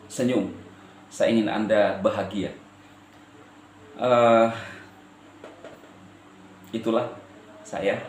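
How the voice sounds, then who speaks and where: A man from eastern Indonesia addressing his viewers as a channel host, with a firm intonation that can sound stern even when he is calm. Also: lowish voice, roomy sound. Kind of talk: direct-to-camera address to viewers.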